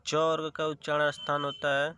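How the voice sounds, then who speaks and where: A man's voice: fairly high pitch, completely flat delivery, normal speed, bright, forceful tone, smooth, no echo. A man teaching the Hindi consonants, speaking patiently and sounding out each letter one at a time. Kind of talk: slow classroom explanation.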